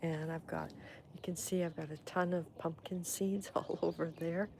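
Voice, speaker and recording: A woman's voice: on the low side, level tone, moderate pace, vocal fry, a little mellow, a little hiss or hum. A woman hosting a casual livestream, chatting in a rambling, fond way as she walks through her garden with her phone. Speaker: host. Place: outdoors in a garden. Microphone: phone held in hand.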